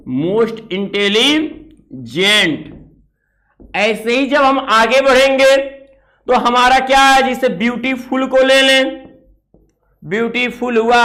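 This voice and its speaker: A man's voice: very high-pitched, fairly bright tone, rough recording. A man teaching a grammar lesson, explaining step by step, repeating key words and asking rhetorical questions as he writes on a board. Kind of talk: classroom lesson.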